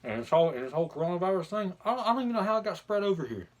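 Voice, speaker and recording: A man's voice: high voice, sing-song, rapid-fire. A man chatting casually and giving his opinions bluntly, with some mild swearing, as a video host. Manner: blunt, mildly profane.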